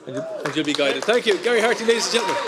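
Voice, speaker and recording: Event host: high-voiced man with a west of Ireland accent, introducing guests and bantering as he interviews. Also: expressive, rapid-fire, a loud crowd, heavy background noise. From Galway, Ireland. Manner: jokey, chatty. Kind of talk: master of ceremonies presenting and interviewing.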